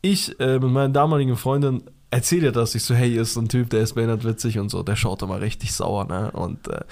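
A man's voice: mid-range voice, fast, darkish tone. A man, co-hosting a podcast and telling a funny story in playful, slangy chat. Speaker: podcast co-host.

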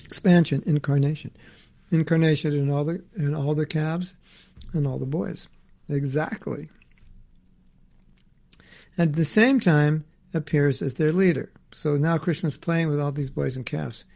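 A man's voice: a little high, unhurried, vocal fry, pauses often, darkish tone. A man teaching a scripture class, reading passages aloud and explaining them in casual asides. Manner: reads a passage then comments in casual asides.

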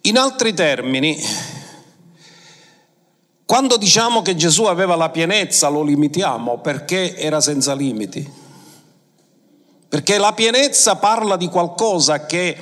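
A man's voice: on the high side, expressive, a little slow, long pauses, fairly bright tone, long reverb tail. A man preaching a sermon to a congregation, emphatic, quoting scripture and asking the listeners questions. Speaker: pastor.

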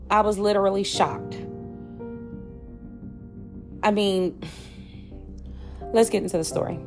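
Music plays under an American woman's voice of medium pitch. She is a podcast host narrating true crime like a storyteller. Her delivery is grave, with a blunt, personal edge. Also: a little mellow. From Detroit, United States.

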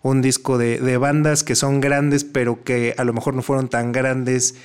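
A man, a musician guest speaking in a thoughtful, measured way in a casual interview. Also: medium pitch, little pitch movement, smooth. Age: 40s. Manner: reflective, measured, with some restarts.

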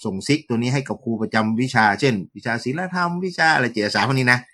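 A man who works as a schoolteacher recounts his work in a relaxed interview. His delivery is rapid and bright, with a forceful edge. He's playful and keeps the stories moving. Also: mid-range voice. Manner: jokey, lively anecdotal telling with acted quotes. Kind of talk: casual storytelling interview.

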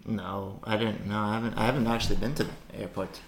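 A man's voice: lowish voice, level tone, fast talker, slight background noise. A young man from Sweden, a podcast guest, speaking hesitantly with many fillers and short answers. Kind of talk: casual podcast chat.

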